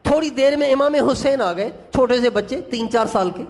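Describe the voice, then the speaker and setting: A man with a high-pitched voice delivers an emotional sermon. He tells the story with feeling and addresses his listeners directly as brothers. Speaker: preacher.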